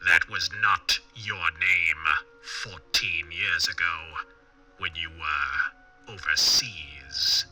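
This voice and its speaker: The Shadow, deep, slow, sinister whisperer. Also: male voice, sharp tone, soft background music, full character voice. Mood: quietly menacing. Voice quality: low, whispered. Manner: slow, halting, menacing, deliberate. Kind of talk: dramatic pulp audiobook reading.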